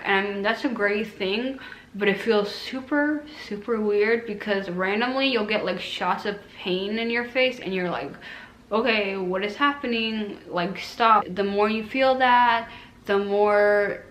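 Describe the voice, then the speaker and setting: A woman vlogger talks casually to the camera about recovering from her own surgery, recounting it informally with quoted asides. Her medium-pitched voice is a bit bright, and the room sounds roomy and echoing.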